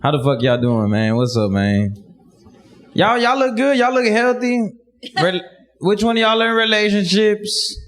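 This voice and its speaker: A man's voice: sits high, big pitch swings, unhurried, fairly bright tone, slight background noise. A young man doing a laid-back, slangy stand-up set, saying "man" and "y'all" a lot. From El Salvador heritage. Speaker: stand-up comedian.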